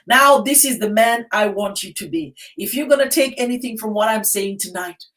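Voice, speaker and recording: A woman's voice: on the high side, normal speed, a bit bright, distant mic. A woman giving a rousing motivational sermon in an emphatic, rallying manner, repeating phrases for effect. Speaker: motivational preacher addressing a live online audience.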